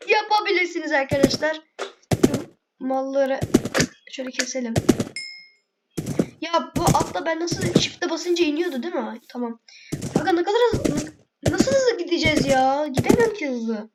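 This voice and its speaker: High-pitched chatty woman gaming commentary. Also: expressive, moderate pace, long pauses, heavy background noise. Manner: chatty, talks to herself and viewers, sudden exasperated outbursts. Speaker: gaming video creator. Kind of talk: casual gameplay commentary.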